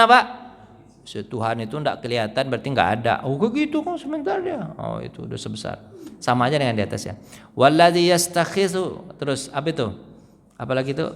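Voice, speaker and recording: Joking preacher man in a reverberant mosque hall. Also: on the high side. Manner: lively, jokes and quizzes the audience. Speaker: Islamic teacher. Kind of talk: mosque study sermon.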